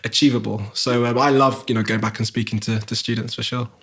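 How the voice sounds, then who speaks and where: Fast-talking South London man. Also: medium pitch, steady tone, fairly bright tone. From England. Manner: reflective, many fillers and restarts. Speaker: guest, graphic designer. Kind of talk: podcast interview.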